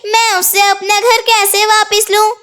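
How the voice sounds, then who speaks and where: A woman voicing a gentle young female sparrow in a cartoon, speaking in a plaintive, pleading way. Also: very high-pitched, little pitch movement, a little slow, heavily acted.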